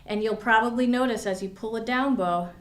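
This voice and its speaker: A woman's voice: a little high, brisk. Woman teaching viola in echoey studio. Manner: encouraging, explains with imagery. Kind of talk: instructional lesson with demonstration. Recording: echoey room.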